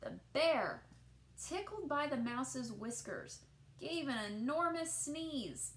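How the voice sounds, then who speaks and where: Woman, thirties, teacher-style storybook read-aloud, slightly high pitch, very unhurried and deliberate, expressive emphasis. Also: a little hiss or hum. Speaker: teacher reading aloud to children. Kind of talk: picture-book read-aloud.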